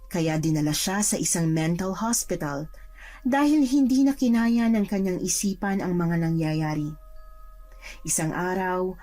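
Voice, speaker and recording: Low, mellow woman narrating horror. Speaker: storyteller.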